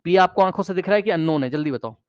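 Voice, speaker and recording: A man's voice: high-pitched, expressive, very fast, darkish tone, clean tone, dry recording, muffled recording. A man teaching a math class, questioning students directly and repeating key phrases, mixing English math terms into his explanation.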